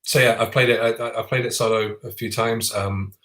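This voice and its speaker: A man with a fairly low voice chats eagerly as a podcast co-host, often restarting his sentences. His voice bounces around a roomy, echoey space. The talk is loose and conversational. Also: steady tone, fairly quick, a bit bright. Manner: chatty and enthusiastic, with frequent restarts. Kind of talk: casual chat about board games. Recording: roomy echo.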